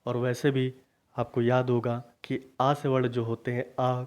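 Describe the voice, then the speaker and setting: A man teaching a grammar lesson for exam preparation, asking questions and then answering them himself, repeating key points slowly. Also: mid-range voice, monotone, darkish tone, clear, resonant tone. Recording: dull lo-fi recording.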